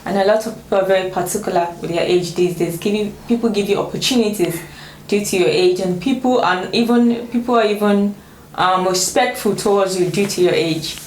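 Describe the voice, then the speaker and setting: A woman's voice: mid-range voice, a little fast, echoey room, a little hiss or hum, rough recording. A woman in her twenties co-hosting a casual chat, often acting out quotes and finishing others' sentences. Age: 20s. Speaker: co-host.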